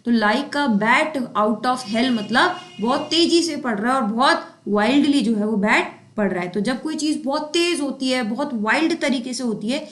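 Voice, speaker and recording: A woman teaches an exam-prep lesson on English idioms in a high voice at a moderate pace, barely pausing. She uses memory tricks, asks and answers her own questions, and keeps adding tag questions like "है ना." The room is echoey.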